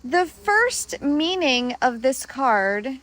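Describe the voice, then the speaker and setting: A woman's voice: high-pitched, big pitch swings, extremely slow, a bit bright, poor audio. A woman hosting a tarot lesson for children, patiently asking a child and a guest simple questions. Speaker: host. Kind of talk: kid-friendly tarot lesson.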